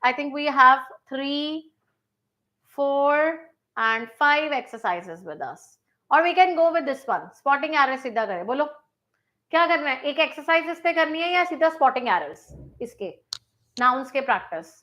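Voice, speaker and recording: High bright-voiced Indian English teacher. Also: female voice, very animated, rough recording. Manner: mixes Hindi and English, reads sentences slowly then explains fast. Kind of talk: live online grammar class.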